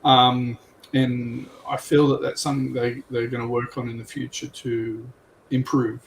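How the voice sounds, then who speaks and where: This man, a tournament organiser, talks loosely on a livestream panel, wandering off and hedging much of what he says. He speaks at a medium pitch in a level tone, a bit slowly, with vocal fry. Echo from the room and background noise are audible.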